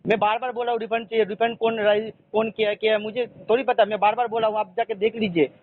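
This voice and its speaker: A man's voice: high voice, flat delivery, quick pace. A man calling customer support, frustrated and insistent, repeating himself as he complains. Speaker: customer caller. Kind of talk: phone complaint call. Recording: tinny phone line with faint noise.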